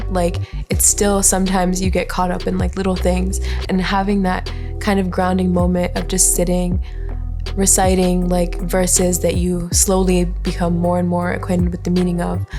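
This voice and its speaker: A young woman from Boston, a seminary student, giving a chatty personal testimonial full of "like". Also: fairly low pitch. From Boston, Massachusetts. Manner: chatty, peppers speech with "like". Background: background music.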